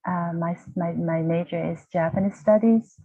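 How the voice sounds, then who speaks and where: Speaking at a normal speed in a fairly low voice with fairly even intonation, a woman in her 40s from Vietnam shares her own story as a guest. She is a university lecturer who falters and starts over repeatedly as she looks for the right words. The audio, from a video call, is tinny and dry with no echo.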